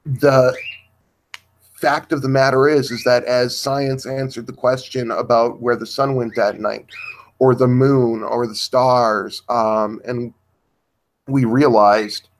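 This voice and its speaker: A man speaks at a deliberately slow pace, with frequent pauses as he feels his way toward each point. His voice sits in an ordinary middle register, and he talks in a halting, thoughtful way during a livestream discussion. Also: mid-range voice, flat delivery. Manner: slow and halting, pausing to search for words.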